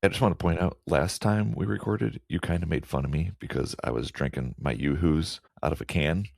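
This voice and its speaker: Very low, gravelly male podcast co-host, easygoing rambling chat, dry close sound. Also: fairly quick, a little mellow, faint music behind. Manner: rambling, joking.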